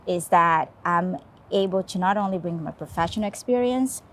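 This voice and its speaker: A woman with a lowish voice and a Brazilian Portuguese accent speaks English as her second language as a guest, an HR business partner, in a casual interview. She talks at a moderate pace, using fillers and frequently adding "right?", with slight background noise.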